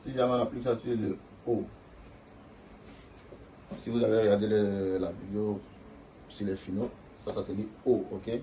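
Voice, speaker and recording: A man's voice: lowish voice, little pitch movement, moderate pace, pauses often, mellow, dull audio, a little hiss or hum. A man teaching a language lesson to viewers, explaining step by step and drawing out syllables to demonstrate tones.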